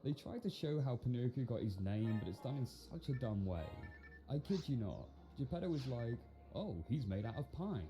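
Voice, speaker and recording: A man gives a scripted film review. He sounds sarcastic and incredulous, with lively pitch movement, and music plays clearly behind him. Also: moderate pace. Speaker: video commentator and film critic.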